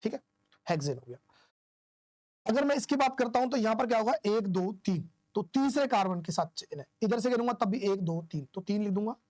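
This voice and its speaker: A man's voice: sits high, quick pace, hardly any pauses, darkish tone, dry recording. A man teaching chemistry in a classroom-style lecture, asking questions and answering them himself while counting aloud. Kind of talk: classroom lecture explaining isomer naming.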